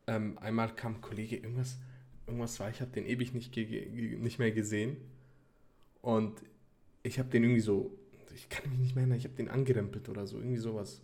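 Laid-back young man in casual chat. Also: medium pitch. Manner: relaxed, slangy, with mixed-in English phrases. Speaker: podcast co-host.

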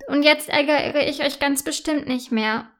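A woman's voice: sits high, a little slow, a bit bright. A woman voicing a young schoolgirl who teases the other children, then turns timid and sorry, in a children's storybook reading. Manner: mocking, later timid and tearful. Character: mean-then-sorry schoolgirl, third grade.

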